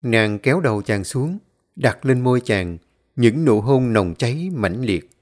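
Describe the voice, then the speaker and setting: A man reading a dramatic story aloud as a storyteller, in a measured, dramatic manner. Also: medium pitch, expressive, a little mellow. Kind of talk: scripted story narration.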